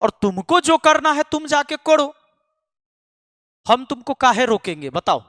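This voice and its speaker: A man's voice: very high voice, sing-song, unhurried, fairly bright tone, no room sound, studio quality, big-room sound. A man who teaches math online, speaking to his students in an emphatic, scolding way and repeating lines for force. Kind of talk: impassioned address to students.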